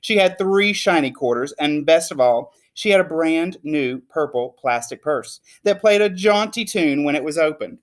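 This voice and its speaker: Animated male teacher reading a story aloud. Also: fairly high pitch, normal speed, hardly any pauses. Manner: animated, emphatic. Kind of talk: expressive children's story reading.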